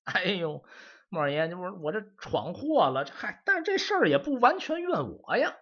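A man's voice: high-pitched, big pitch swings, normal speed, a bit bright, full character voice. A man voicing a young male mage apprentice who makes plaintive, sighing excuses. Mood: sheepish. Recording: dull lo-fi audio.

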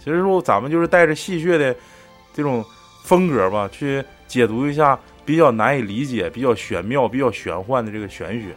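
A man's voice: medium pitch, lively intonation, fairly quick, faint music behind. A man with a Northeastern Chinese accent hosting a casual podcast chat, joking in an earthy, profane way. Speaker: podcast host. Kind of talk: casual chat with bantering commentary.

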